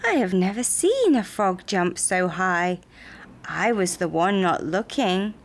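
Buzzing friendly bee girl, soft and teasing, voiced by a woman, storybook puppet show. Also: lowish voice, sing-song, takes it slowly, exaggerated voice. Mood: gentle. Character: kind female bee, playful.

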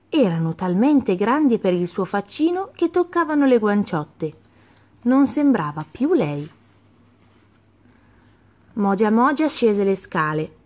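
A woman reading a children's story aloud, clear and gently expressive. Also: mid-range voice.

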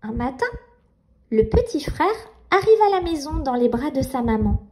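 A woman's voice: high voice, sing-song, moderate pace, dark tone. A woman narrating children's picture books as a storyteller, reading a scripted story aloud.

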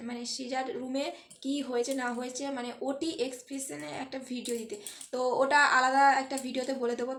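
Chatty high-voiced young woman vlogging. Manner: chatty, with many fillers and restarts. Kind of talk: casual vlog chat.

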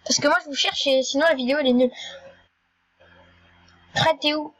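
Excitable high-voiced woman playing a game. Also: a little fast, poor audio. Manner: chatty and excitable, stammers and repeats herself. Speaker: gaming YouTuber. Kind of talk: casual gameplay commentary.

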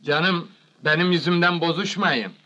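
A man's voice: on the high side, unhurried, sharp tone, dull audio. An actor playing a cheeky village doctor in his thirties in a film comedy, needling his love rival. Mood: teasing, confident.

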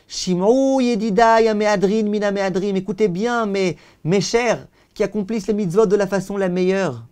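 A rabbi with a high voice teaches over a video call. He proclaims each passage with force, then explains it in a plainer tone. He often stumbles over and repeats words as he goes. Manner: declaims passages loudly, then translates them in a calmer voice; repeats words while searching for them.

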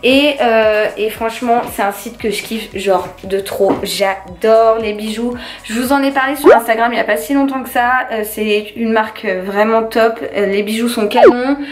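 A woman's voice: fairly high pitch, steady tone, moderate pace, few pauses. Chatty young woman in an echoey room. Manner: chatty, many fillers and restarts. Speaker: vlogger. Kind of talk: casual vlog chat to camera. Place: her home, indoors.

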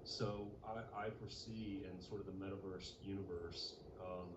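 A very deep-voiced man talks casually on an online community call, stopping often with ums and restarts. His audio is muffled and noisy. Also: fairly even intonation, moderate pace, roomy sound. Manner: hesitant, many fillers and restarts. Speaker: community member giving an update.

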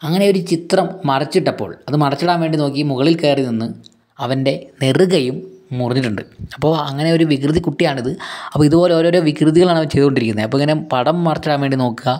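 A man's voice: fairly high pitch, fast, darkish tone. A man teaching a school poem in a casual lesson. He talks patiently, going back over points and asking questions to answer himself.

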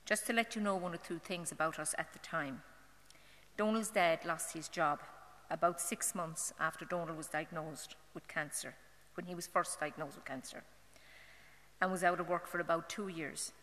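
A middle-aged Irish woman giving a personal testimony as a mother at a parish novena, earnest and halting, with fillers and restarts. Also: lowish voice, fairly bright tone. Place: church. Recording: long church hall reverb.

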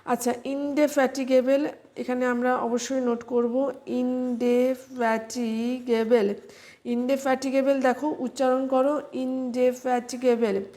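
A woman teaching English vocabulary for exams in an online lesson, spelling words out letter by letter and pausing with "ah". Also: high voice, a little mellow. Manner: slow, spells words letter by letter, fills pauses with "ah".

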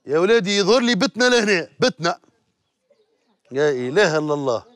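A man's voice: sits high, big pitch swings, brisk, fairly bright tone, dry recording. A man with a Tunisian accent, hosting a TV show outdoors and bantering playfully with a street crowd. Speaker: TV show host.

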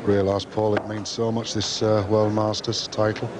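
A man's voice: lowish voice, completely flat delivery, normal speed. A man giving live darts commentary in short remarks that follow the play. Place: commentary box at indoor tournament. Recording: loud crowd and venue noise.

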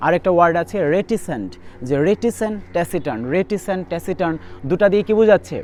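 A young man teaching vocabulary for admission tests, repeating word lists quickly as a tutor. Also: sits high, expressive, a little mellow, slight background noise. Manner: rapid, repetitive drilling of word lists. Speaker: English tutor. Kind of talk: admission test vocabulary lesson.

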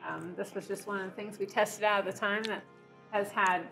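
A woman's voice: medium pitch, fairly even intonation, brisk, vocal fry, fairly bright tone, poor audio. Chatty woman owner with faint music. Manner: friendly, chatty, laughs easily. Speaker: restaurant owner. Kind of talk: casual interview. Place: brick-walled restaurant booth, indoors. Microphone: lapel mic.

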